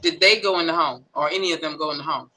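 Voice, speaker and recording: A woman's voice: deep voice, quick pace, bright, forceful tone, rough recording. A woman prosecutor questioning a witness in court, methodical and step by step. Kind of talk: courtroom direct examination.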